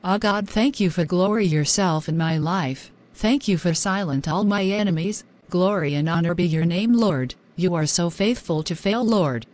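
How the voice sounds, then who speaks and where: A woman's voice: fairly low pitch, normal speed, few pauses, darkish tone, natural voice. A woman voicing a pleading devout wife. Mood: grateful. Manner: pleading, prayerful. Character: long-suffering devout young wife. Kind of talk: animated drama voice acting.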